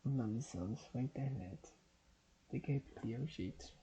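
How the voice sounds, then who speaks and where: A man with a Brazilian Portuguese accent thinking aloud at a computer as he works through language-app exercises, muttering to himself and repeating drill sentences loudly. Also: medium pitch, normal speed, dull audio. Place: at a desktop computer.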